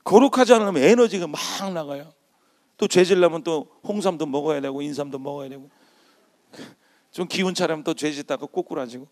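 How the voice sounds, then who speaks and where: A middle-aged man, a pastor, preaching a sermon in a church, shifting from quiet storytelling to loud shouted calls. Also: on the high side, a little fast. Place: church sanctuary.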